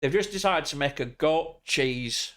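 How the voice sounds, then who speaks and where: An English man in a slightly high register talks his way through a truck driving game. He keeps up loose, crude, joking banter with his co-player as he plays. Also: lively intonation, unhurried, fairly bright tone. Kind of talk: casual gaming chat.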